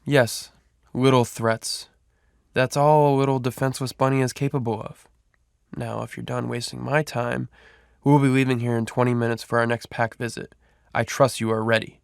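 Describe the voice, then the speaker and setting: A man's voice: mid-range voice, flat delivery, moderate pace, vocal fry, smooth, no echo, studio quality, lightly acted. An actor playing a cold, condescending male alpha werewolf leader in an audio drama, talking down with a dismissive tone.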